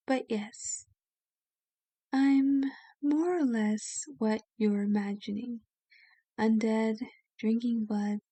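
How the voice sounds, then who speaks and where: A woman roleplays a kind, genteel vampire for ASMR, using formal wording and a soft, soothing, sometimes breathy voice. Her pitch is on the high side and her delivery exaggerated, with no room sound in the recording.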